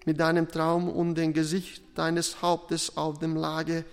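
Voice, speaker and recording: A man preaching a sermon and reading scripture, deliberate and emphatic, with pauses between phrases. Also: a little high, monotone, clear, resonant tone, in a large hall.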